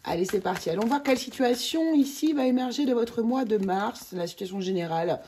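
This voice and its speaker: A woman from France giving a casual monthly tarot reading, chatty, with many hesitations and excited exclamations over the cards. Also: on the high side, fairly quick, a little hiss or hum. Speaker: tarot reader.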